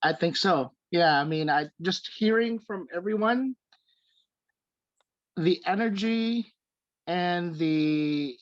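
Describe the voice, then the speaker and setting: A Filipino man in his forties, treasurer of an organization, makes casual remarks over a video call from a room at home. His high voice comes slowly, with long pauses, many fillers and hesitant restarts. The recording is muffled but has no echo.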